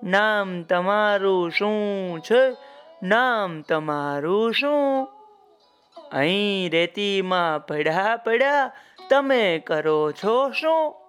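A man voicing a brave, cheerful little female ant who sings her lines slowly. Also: high voice, a bit bright, clean tone, faint music behind. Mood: sing-song. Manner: sing-song, playful.

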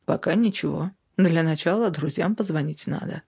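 A woman voicing a calm, sarcastic young man trading barbs in a stuck lift. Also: sits low, normal speed, creaky, breathy edge, full character voice.

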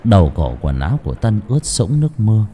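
Low, expressive male storyteller. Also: fast talker, slightly rough. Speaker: narrator. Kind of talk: dramatic audiobook narration.

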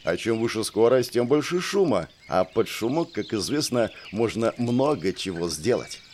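Male audiobook narrator, low voice, dry ironic first-person telling. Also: sing-song, normal speed, darkish tone, a little hiss or hum.

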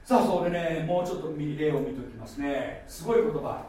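A male pastor preaches in a warm, slightly high voice at a fairly quick pace, repeating key phrases and putting questions to the congregation. He sounds far off in a very echoey church hall.

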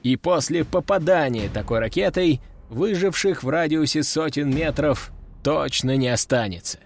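A man reading an audiobook as narrator, in a wry, measured tone. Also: fairly high pitch, soft background music.

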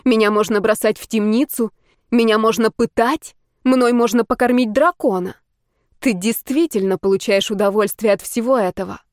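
A furious, betrayed young heroine, as a woman narrator acts her out in an audiobook. She talks in a raised, heated voice, pitched above the narration. The recording is dry and close. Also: fairly even intonation, normal speed, darkish tone, no echo, natural voice. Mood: angry.

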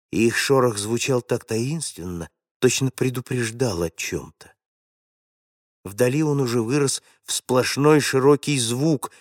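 A man narrating a classic story in a measured, dramatic way. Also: mid-range voice, no echo, clean studio sound. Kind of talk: audiobook reading of a classic story.

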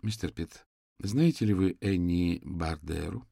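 A man voicing a composed female police detective who asks questions coolly and deliberately. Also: low voice, gravelly, dark tone, no room sound, clean studio sound, heavily acted. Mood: cold. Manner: cool, clipped, deliberate questioning.

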